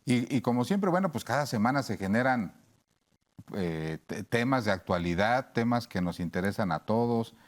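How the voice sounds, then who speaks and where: A man's voice: mid-range voice, lively intonation, normal speed. A man with a Mexican accent hosting a radio talk show, explaining things at length with homely examples and lots of fillers and restarts. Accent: Mexican Spanish.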